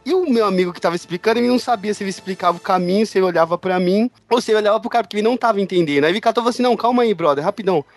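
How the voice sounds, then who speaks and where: A man's voice: high voice, very fast, few pauses, faint music behind. A young man, a podcast co-host telling a party story among friends, laughing often.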